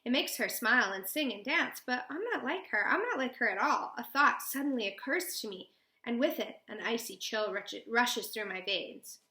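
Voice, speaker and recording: Lady reading a kids' book out loud, really expressive, bright tone, echoey room. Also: on the high side, normal speed. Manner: expressive, voicing a girl's emotions. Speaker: read-aloud host. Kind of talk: reading a children's novel aloud. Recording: roomy echo.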